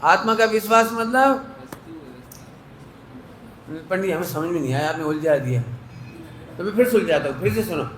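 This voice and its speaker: High-voiced man preaching in an echoey hall. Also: a little hiss or hum. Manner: explains with homely examples, asks listeners if they follow. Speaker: Jain preacher. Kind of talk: religious discourse.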